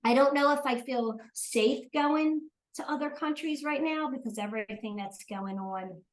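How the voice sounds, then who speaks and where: Here an older woman from South Jersey, USA, speaks in her regional accent at a normal speed, her voice sitting high. She's a guest in a casual interview, faltering with frequent ums and false starts, captured on poor audio.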